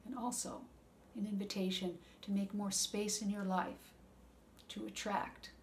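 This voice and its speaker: A woman talks calmly and gently, offering spiritual advice at a measured, reflective pace. Her pitch sits in an ordinary middle range. A faint noise runs under the recording. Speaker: wellness speaker. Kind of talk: calm spiritual advice talk.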